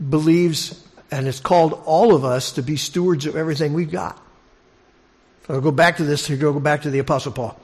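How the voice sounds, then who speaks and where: In a fairly high yet darkish voice, a preacher delivers a conversational expository sermon. He questions his congregation and repeats phrases for emphasis.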